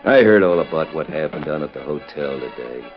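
Deep, scornful saloon villain. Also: male voice, animated, fairly quick. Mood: smug, scornful. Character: crooked saloon boss, gruff and scornful villain. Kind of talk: old radio western acting. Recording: muffled old radio recording with music.

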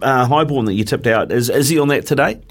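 A man hosting casual sports talk radio in an informal, halting way. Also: medium pitch, animated. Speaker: radio host.

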